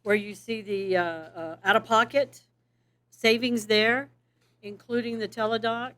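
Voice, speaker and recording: A woman's voice: a little high, steady tone, unhurried, fairly bright tone. A woman giving a board meeting presentation, explaining things step by step. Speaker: appraisal district official presenting.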